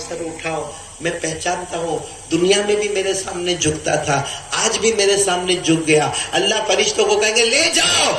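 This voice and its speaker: High-voiced man preaching to a crowd. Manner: call-and-response, urging the crowd to answer; swings between hushed and shouted delivery. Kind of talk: fervent sermon to a large gathering. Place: large outdoor religious gathering. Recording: echoey, noisy crowd gathering.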